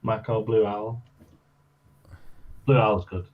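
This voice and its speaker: A man's voice: lowish voice, steady tone, slow pace, highs cut off. A man, a guest on a video call, dropping short interjections in casual chat.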